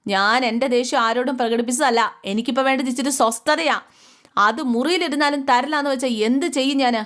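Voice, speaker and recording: A woman's voice: high-pitched, a little fast, a bit bright. A woman voicing a bitter, resentful middle-aged mother who scolds sharply.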